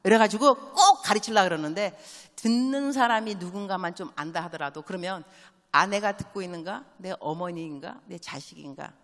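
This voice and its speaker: A woman missionary preaching a sermon, telling stories and asking the congregation quick questions, mixing in English phrases. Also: mid-range voice. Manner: animated storytelling with quick call-and-response questions to the congregation; drops English phrases into her speech. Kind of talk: church sermon. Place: large church sanctuary. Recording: long church hall reverb.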